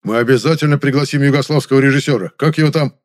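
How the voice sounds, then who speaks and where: A man voicing a loud, bossy older male film official in an audiobook, scolding and booming. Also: rapid-fire, natural voice. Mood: persuasive.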